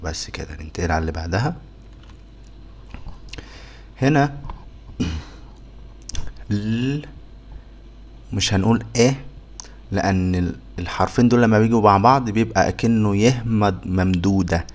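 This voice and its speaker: A young man with a very low, deep voice and an Egyptian Arabic accent leads a beginners' phonics lesson. He breaks words into single sounds and repeats each one slowly and patiently. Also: darkish tone. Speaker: English teacher.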